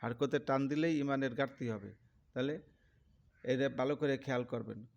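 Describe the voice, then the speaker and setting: A man's voice: mid-range voice, normal speed, a little mellow. A man teaching Quran reading, sounding out Arabic letters syllable by syllable and repeating each drill. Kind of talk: slow letter-by-letter recitation lesson. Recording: dull lo-fi recording.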